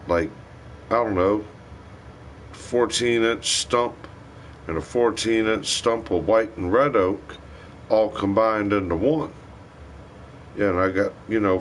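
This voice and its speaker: A man's voice: lowish voice, slight background noise. A man chatting casually on a livestream, telling a rambling, profane story. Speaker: livestream host.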